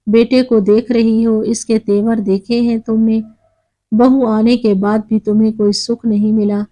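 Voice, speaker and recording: A woman's voice: mid-range voice, warm tone, lightly acted, poor audio. Woman playing a blunt, lecturing neighbour woman. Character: blunt outspoken older female neighbour.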